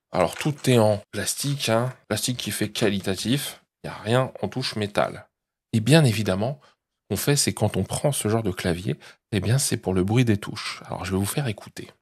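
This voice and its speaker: A man's voice: on the low side, breathy edge. Man, tech review host, casual, explains step by step. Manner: chatty, explains step by step with frequent "d'accord?".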